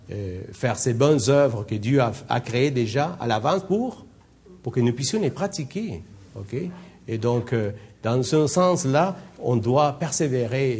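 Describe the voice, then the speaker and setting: A man with a foreign accent leading a Bible study, exhorting the group and often pausing, with many fillers and restarts. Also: medium pitch, darkish tone, husky. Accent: non-native French accent. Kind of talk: informal Bible study teaching.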